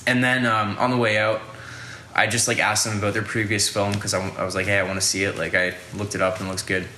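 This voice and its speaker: Young male podcast host, rambling and casual, bright voice in an echoey room. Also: fairly low pitch, level tone, quick pace, a little hiss or hum. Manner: rambling, lots of "like" fillers and swearing. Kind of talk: casual storytelling.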